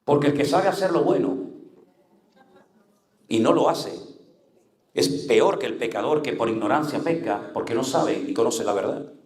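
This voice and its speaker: A man's voice: medium pitch, animated, normal speed, long pauses, a little mellow, echoey room. A male pastor preaching an impassioned sermon, acting out the voices he quotes.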